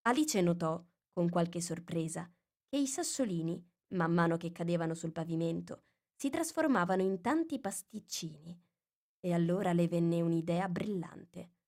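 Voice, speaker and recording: A woman reading an audiobook in a calm, measured storytelling manner. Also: on the low side. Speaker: audiobook narrator.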